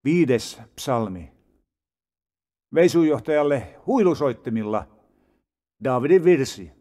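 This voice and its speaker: A man reading psalms aloud in a solemn, measured way with dramatic rises and falls. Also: medium pitch, lively intonation, warm tone. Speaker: Bible reader. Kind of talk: scripted scripture reading.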